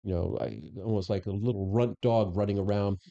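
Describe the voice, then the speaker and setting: A man's voice: lowish voice, fairly even intonation, brisk, gravelly, dark tone, highs cut off. A middle-aged man, a guest in an interview, telling stories in a casual way and acting out the lines people said to him. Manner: anecdotal, acts out quoted dialogue. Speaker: interview guest, former police superintendent. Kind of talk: conversational storytelling.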